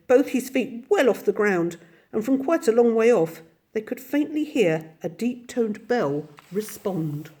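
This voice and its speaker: Mellow-voiced woman reading a storybook. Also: mid-range voice. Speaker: narrator.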